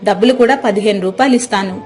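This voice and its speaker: A woman voicing a kindly village woman in a cartoon story, talking in a gently coaxing way. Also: medium pitch, racing, faint music behind, close to an everyday voice. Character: kindly village woman buying leaf plates.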